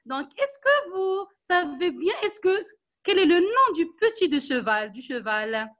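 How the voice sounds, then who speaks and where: A woman teaching an online class for young children, speaking slowly and patiently, encouraging them and repeating instructions over a video call. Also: extremely high pitch, sing-song, fairly bright tone. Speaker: primary school teacher. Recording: dull lo-fi online call audio.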